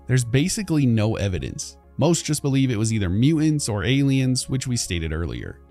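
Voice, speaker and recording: A man's voice: mid-range voice, darkish tone. Chatty male gaming lore narrator. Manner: casual, chatty, addresses viewers as "you guys". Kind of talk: scripted video narration.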